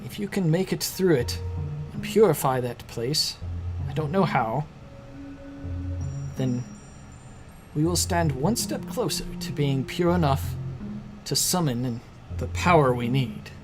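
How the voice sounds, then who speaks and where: A man voicing a solemn, wary old hag in a tabletop game, speaking in formal, measured phrases. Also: a little high, music in the background, lightly acted.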